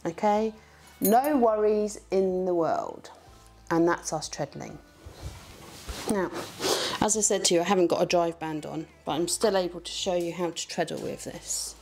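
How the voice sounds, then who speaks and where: A woman's voice: lowish voice, measured pace, gravelly, darkish tone, faint music behind. Chatty woman teaching spinning at the wheel. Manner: chatty, rhythmic counting, encouraging. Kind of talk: casual how-to demonstration.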